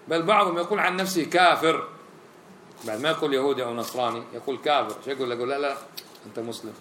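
A man preaching a sermon in an animated way, acting out the voices he quotes. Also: medium pitch, slight background noise. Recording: roomy echo, faint ambience.

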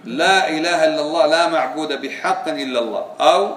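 A man's voice: fairly high pitch, fast talker, a bit bright. A man giving a religious lesson, quizzing his students with repeated questions. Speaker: religious teacher. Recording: echoey room, voice from far off.

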